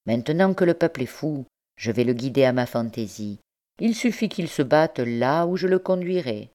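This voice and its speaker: A woman's voice: extremely low pitch, lively intonation, moderate pace, warm tone. A woman doing a sly scheming male spy. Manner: sly, assured, sneering.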